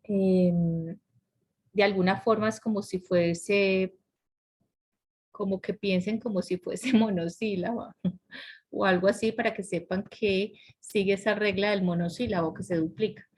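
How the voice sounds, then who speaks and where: A woman teaching English grammar over a video call. She explains step by step and often restarts her sentences as she goes. Her voice sits at a middle pitch. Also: fairly even intonation, unhurried, a little mellow, poor audio. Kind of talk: online class lecture.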